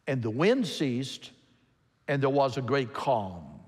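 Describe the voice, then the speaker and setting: An older man, a pastor, preaching a sermon from a pulpit in a large church, expressive and emphatic. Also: mid-range voice, slow pace. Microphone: pulpit microphone. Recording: long church hall reverb.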